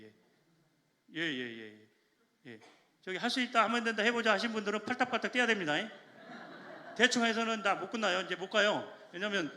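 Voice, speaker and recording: A man, a church elder, leading a joking, energetic evangelism rally and shouting chants to a congregation in a large church. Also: high-pitched, a little hiss or hum. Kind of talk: lively rally talk to a congregation. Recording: echoey church hall.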